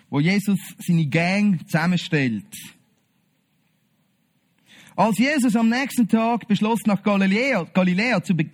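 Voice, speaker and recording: A man with a Swiss German accent preaching a sermon to his congregation, animated, acting out the Bible scenes in quoted voices. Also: sits high.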